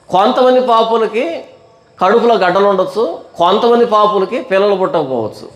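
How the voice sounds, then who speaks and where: A male pastor preaching a Bible study sermon, firing off rhetorical questions and stretching words for emphasis. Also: high voice. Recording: echoey room.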